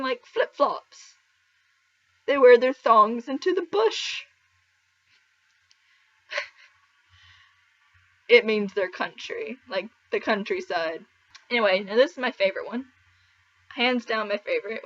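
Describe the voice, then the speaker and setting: Chatty young Southern woman vlogging. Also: medium pitch. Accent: American Southern. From American South. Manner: chatty, giggly, animated storytelling. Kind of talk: casual chat to camera. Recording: slightly dull lo-fi sound.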